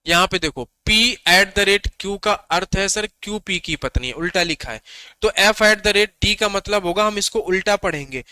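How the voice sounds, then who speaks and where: A man's voice: high-pitched, a little slow, pushed and bright, no room sound. A young adult man teaching an exam-prep reasoning lesson. He asks questions and answers them himself, repeats key points and keeps coaxing the class along. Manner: repetitive, asks and answers his own questions.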